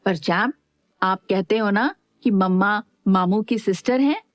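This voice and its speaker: A woman voicing a gentle, loving young man who dotes on his little nephew. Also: medium pitch, unhurried, no room sound, clean studio sound, lightly acted. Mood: tender. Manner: soft and affectionate.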